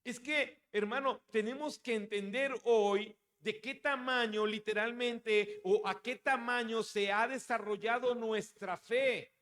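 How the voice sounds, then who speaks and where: A man's voice: very high voice, steady tone, unhurried, hardly any pauses, a bit bright. A man preaching a sermon in a church, reading scripture and then calling his listeners "brother" as he presses his point. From Mexico. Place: church hall. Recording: long hall reverb.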